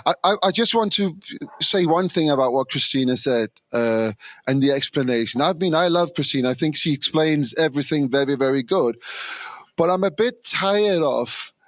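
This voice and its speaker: A man's voice: a little high, expressive, normal speed, fairly bright tone, no echo. A man giving frustrated, emphatic opinions as a football pundit. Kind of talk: remote studio punditry.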